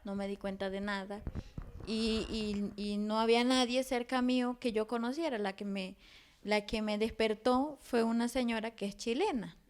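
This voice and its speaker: Woman, 30s, interview guest; slightly high voice, halting, rambling storytelling. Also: steady tone. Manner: rambling, many restarts and fillers. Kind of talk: personal testimony in conversation.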